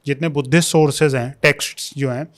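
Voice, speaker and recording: A man's voice: medium pitch, fairly even intonation, quick pace. A young man, a history scholar who explains at length in a podcast interview, mixing English terms into his Hindi. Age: young adult.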